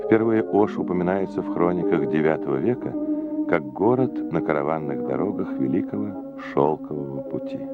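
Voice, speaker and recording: Male newsreel narrator, 1980s documentary voice-over, very low, formal and measured, muffled archive audio. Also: wildly swooping pitch, loud music behind the voice. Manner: measured, formal announcer delivery. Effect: old Soviet newsreel sound.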